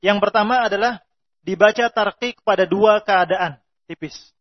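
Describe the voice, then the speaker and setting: A man teaching Quran recitation rules, reading Arabic lines slowly and explaining them, with drawn-out pronunciation examples. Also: high-pitched. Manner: reads Arabic text slowly, then explains in Indonesian. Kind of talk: explaining tajweed rules from a text. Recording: dull lo-fi recording.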